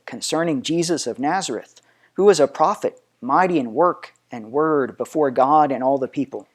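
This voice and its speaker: A man with a slightly high voice reads scripture aloud in old-fashioned wording. His delivery is solemn and measured. He declaims the phrases with deliberate emphasis. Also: a little mellow. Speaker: reader of scripture. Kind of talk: solemn scripture reading, archaic English.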